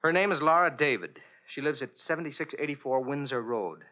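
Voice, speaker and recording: In a muffled old radio recording, an actor plays an earnest, anxious young man with amnesia in 1940s radio style. He explains himself hesitantly in a natural, mid-range voice, speaking a little fast. The mood is earnest and uneasy.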